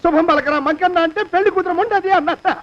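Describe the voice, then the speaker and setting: An actor playing a stingy, panicky landlord who grumbles and haggles in a film scene. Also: male voice, extremely high pitch, quick pace, muffled recording. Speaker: miserly master.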